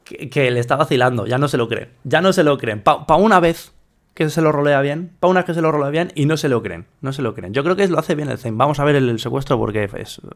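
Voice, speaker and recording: A man giving casual, animated reaction commentary on roleplay clips, repeating himself. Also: fairly high pitch, quick pace. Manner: animated, repetitive, laughing asides.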